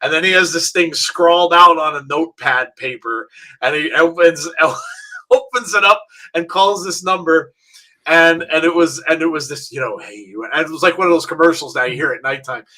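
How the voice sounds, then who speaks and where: Bright-voiced man chatting on a podcast. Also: on the high side. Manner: relaxed storytelling, quick agreements. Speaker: podcast co-host. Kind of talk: casual chat.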